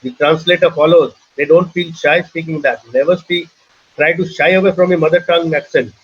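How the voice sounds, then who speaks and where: Over a muffled online video call, a middle-aged man with an Indian accent runs a webinar as its host and trainer, teaching casually. His voice sits on the high side, steady and slightly rough, and he talks briskly, offering earnest advice while often restarting and repeating his points.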